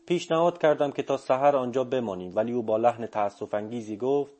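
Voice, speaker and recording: A man narrating a story in a calm, measured reading voice. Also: mid-range voice. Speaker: audiobook narrator. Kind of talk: scripted narration.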